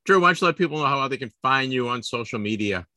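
Bright-voiced rambling podcast host man. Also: medium pitch, lively intonation, fast talker, no echo. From Boston area, US. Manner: rambling, self-deprecating, trips over words. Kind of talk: casual podcast chat.

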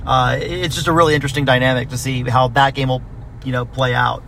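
Man, gravelly voice, low-quality audio from a moving car, faint car noise, easygoing. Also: little pitch movement, a little fast, bright, forceful tone. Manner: easygoing, stammers on repeated words. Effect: low-quality audio recorded while driving. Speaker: podcast co-host. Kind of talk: casual soccer recap chat.

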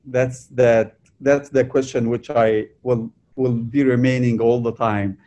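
A young man from Egypt answering interview questions about his vaccine research, halting often with fillers and restarts. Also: mid-range voice, steady tone, dark tone. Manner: hesitant, many fillers and restarts.

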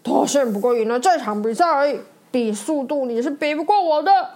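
A woman's voice: high voice, lively intonation, a little fast, a little mellow, voice pushed up. A woman voicing a big, boastful male tow truck who taunts his rival in a storybook. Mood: taunting.

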